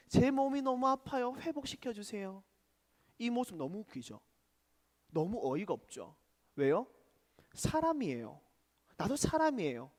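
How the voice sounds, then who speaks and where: A man preaching a youth sermon, asking rhetorical questions and swinging between loud and hushed delivery. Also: extremely high pitch, in a large hall. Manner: asks rhetorical questions, dramatic shifts in loudness. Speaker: preacher to teenagers. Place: church.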